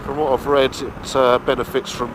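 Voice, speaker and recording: Riding along on a motorbike, a man thinks aloud at an easy pace, giving informal review commentary in a mid-range voice with a level tone. His helmet-mounted mic muffles the sound, and wind and engine noise come through clearly.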